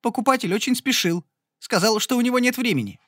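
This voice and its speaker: A flustered young shop girl, as a male narrator puts her on, her voice pitched high and pleading. She is clumsy and anxious, always on the edge of tears. The recording is dry and close, with no room sound. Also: fast talker, no room sound, lightly acted. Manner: pleading, breathless.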